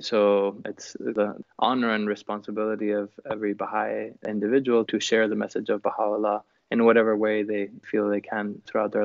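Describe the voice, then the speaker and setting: A man who grew up in Chile, calmly and earnestly answering interview questions about his upbringing. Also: fairly low pitch, no echo. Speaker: musician guest. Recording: dull lo-fi dry sound.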